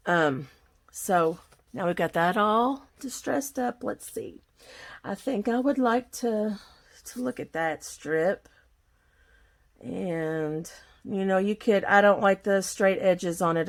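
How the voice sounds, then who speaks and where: Folksy Southern woman chatting while crafting. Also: lowish voice. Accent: Southern US, Kentucky. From Kentucky, USA. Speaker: craft vlogger. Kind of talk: casual crafting tutorial chat. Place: at home craft table.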